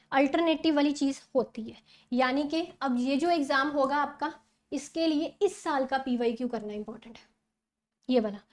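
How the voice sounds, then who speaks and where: A woman with a high voice talks students through exam preparation in a relaxed, conversational teaching style. She keeps checking in with short questions to make sure they are following. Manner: coaching, repeats "theek hai?" checks. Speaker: exam prep educator.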